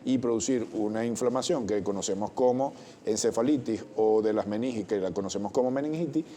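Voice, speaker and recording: A man, a doctor explaining things as a guest in a television interview, measured and technical, often restarting words. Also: fairly low pitch, mellow, slight background noise. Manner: measured, technical, with frequent self-corrections.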